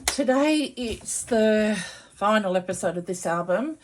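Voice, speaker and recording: A woman's voice: mid-range voice, expressive, measured pace. A woman hosting a casual craft tutorial in a chesty, congested voice, chatting informally and apologetically as she explains things to viewers. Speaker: craft channel host.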